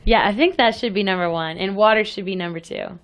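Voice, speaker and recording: A woman's voice: medium pitch, a little fast. A woman co-hosting a radio show, chatting casually and laughing often in an easygoing way. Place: radio studio.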